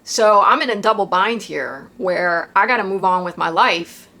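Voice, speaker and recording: A woman talks straight to the camera in a casual confessional monologue. She rambles through a personal story with "like" and "right?" at every turn. Her voice sits at a middling pitch with a lot of vocal fry. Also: moderate pace, bright, forceful tone. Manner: rambling, with frequent fillers and tag questions. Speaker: vlogger recounting a personal experience.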